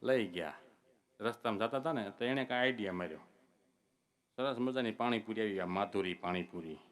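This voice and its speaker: A man's voice: lowish voice, fairly quick. A man, telling folksy jokes and stories to devotees at a religious gathering. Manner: folksy joke-telling, addresses listeners as devotees. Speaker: comic speaker at a religious gathering. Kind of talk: humorous folk storytelling.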